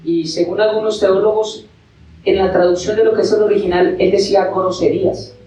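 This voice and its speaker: A man preaches to his congregation, firing rhetorical questions and acting out quotes. His voice sits at a middle pitch. It bounces around a very echoey hall and is picked up from far off, with a faint hiss underneath. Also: little pitch movement, brisk, warm tone. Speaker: pastor. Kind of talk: sermon.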